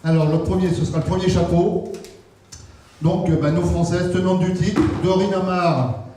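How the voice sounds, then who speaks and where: A man runs a tournament draw in a chatty, joking way, breaking off into quick asides. His voice is a little high and mellow. He sounds far from the mic in a very echoey hall with faint room noise. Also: fairly even intonation. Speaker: draw announcer.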